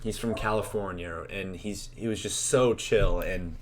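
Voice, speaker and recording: A man's voice: deep voice, measured pace, a little hiss or hum. A young man casually telling a story, rambling with lots of "like" and restarts. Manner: rambling, heavy use of "like" and restarts.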